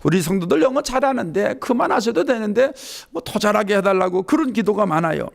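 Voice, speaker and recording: A man's voice: high voice, lively intonation, brisk, gravelly. A pastor giving a sermon in an earnest, conversational way, acting out sample prayers as he goes. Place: church sanctuary.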